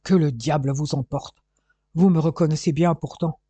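A man's voice: a little high, steady tone, normal speed, dark tone, husky, dry recording. A man voicing a humiliated, furious male police inspector who talks in indignant outbursts. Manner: indignant, sputtering with anger.

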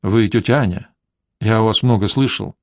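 A man reading an audiobook, voicing a persistent male private detective who questions calmly and insistently. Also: on the low side, moderate pace, no echo, studio quality, close to an everyday voice.

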